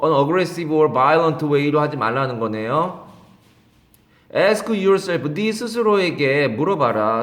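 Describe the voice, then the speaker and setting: A middle-aged male English teacher gives an exam-prep lecture, slowly reading English phrases aloud and then explaining them, often quizzing and teasing his students. His voice is fairly high, and the room is echoey.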